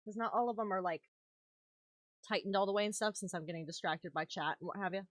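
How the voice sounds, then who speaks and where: A woman's voice: medium pitch, quick pace, no room sound. A woman chatting casually on a live stream while crafting, swearing freely and laughing often. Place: home craft room.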